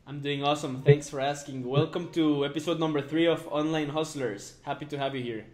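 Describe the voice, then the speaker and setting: A man's voice: a little high, steady tone, brisk, a little mellow. Upbeat male host in a roomy sound. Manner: upbeat, encouraging. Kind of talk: casual interview.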